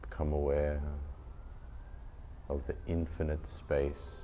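A man leading a guided meditation in a soothing, unhurried delivery, leaving long pauses between short phrases. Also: extremely low pitch, flat delivery, dark tone. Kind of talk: slow guided meditation narration. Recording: muffled lo-fi, faint noise.

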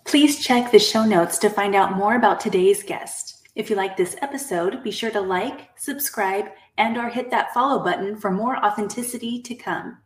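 A woman hosts a casual podcast, asking questions and cheering her guest on with quick affirmations. She laughs along readily and reads her sign-off plainly. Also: medium pitch. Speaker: podcast host.

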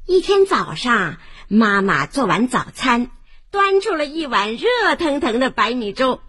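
Woman narrator for a kids' story, high and lively, unhurried, a touch breathy. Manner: expressive and animated, slow-paced.

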